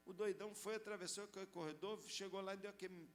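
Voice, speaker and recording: A man preaching a storytelling sermon, animated and conversational, joking with the congregation. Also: sits high, quick pace. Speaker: pastor.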